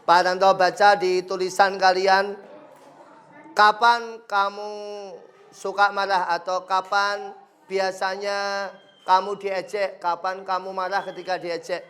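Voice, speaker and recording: An Indonesian-accented male teacher leads a religious lesson for students at an unhurried, easy pace. His delivery is playful, and he drifts into storytelling. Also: sits high, little pitch movement, a bit bright. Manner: slow, playful, acts out quoted taunts in a raised voice. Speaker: Islamic studies teacher. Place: classroom.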